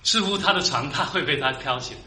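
A man's voice: on the high side, expressive, fast talker, pushed and bright, roomy sound, low-quality recording. A man preaching a sermon as pastor, earnest and rising to emphatic peaks.

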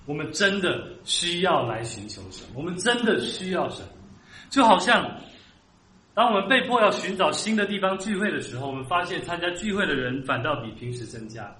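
A man's voice: high voice, expressive, moderate pace, bright, forceful tone, reverberant, low-quality recording. A man preaching a sermon as pastor, earnest and rising to emphatic peaks.

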